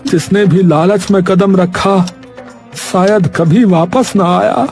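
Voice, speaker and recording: A man's voice: high-pitched, takes it slowly, a little mellow, faint music behind. An actor playing a poor, cautious village blacksmith who pleads with his wife and often says "arre". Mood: pleading. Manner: pleading, uses "arre" filler.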